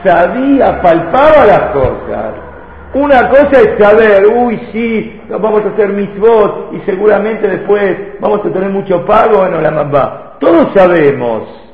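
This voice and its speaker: A man's voice: high-pitched, lively intonation, unhurried. A man, teaching a religious lesson to a live audience and telling stories through rhetorical questions. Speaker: Torah teacher. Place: hall with an audience. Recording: echoey hall, phone-like lo-fi sound.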